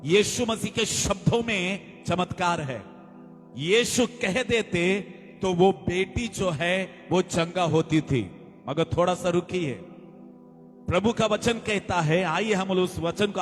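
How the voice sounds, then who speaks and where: A man preaching a sermon to a congregation, calling for amens and building up to shouted lines. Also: sits high. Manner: builds to shouted calls, drawn-out English phrases. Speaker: pastor. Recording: long hall reverb, faint music.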